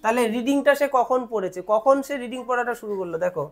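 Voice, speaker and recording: Brief: young Bengali-accented woman, classroom teacher, high voice, asks and answers her own questions. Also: expressive. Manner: asks questions and answers them herself, repeats words slowly. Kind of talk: classroom lesson explanation.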